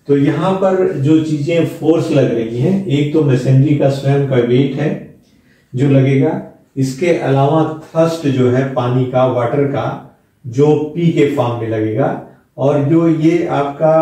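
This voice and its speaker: A man's voice: medium pitch, mellow, distant mic. A male engineering lecturer explaining a derivation step by step and talking straight to his students. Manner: step-by-step, mixes Hindi and English terms, talks to students directly. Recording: echoey room, speaker away from mic.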